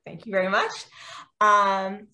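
A woman's voice: medium pitch, steady tone, a little slow, pushed and bright. An American woman in her forties, a guest author, talking in a chatty, self-deprecating way with frequent ums. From United States. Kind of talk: casual interview.

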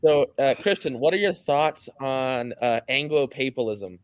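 A man's voice: medium pitch, expressive, unhurried, clear, resonant tone, rough recording. A man in casual group chat, eager and stumbling over his words. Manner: eager, stumbling, repeats himself.

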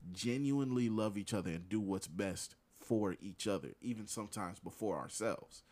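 A young man in casual chat who talks in a measured, thoughtful way. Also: lowish voice, darkish tone.

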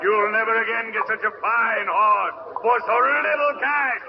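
An actor playing a brash market auctioneer with booming, hard-selling patter, in an old radio drama. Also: male voice, measured pace, gravelly, noisy background. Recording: muffled radio recording, music and crowd.

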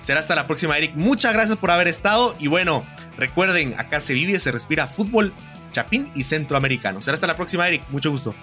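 A man's voice: fairly high pitch, expressive, fast, pushed and bright, faint music behind. A man with a Guatemalan accent co-hosting a football podcast, chatting with enthusiasm and frequent laughter. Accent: Guatemalan Spanish. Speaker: podcast co-host. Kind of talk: casual football chat.

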